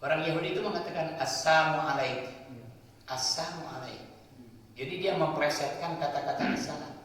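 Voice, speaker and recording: Preacher in an echoey mosque. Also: male voice, fairly high pitch, a little fast. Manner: explanatory, asks and answers his own questions, tags lines with "ya". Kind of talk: sermon. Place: mosque hall. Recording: echoey hall, voice from far off.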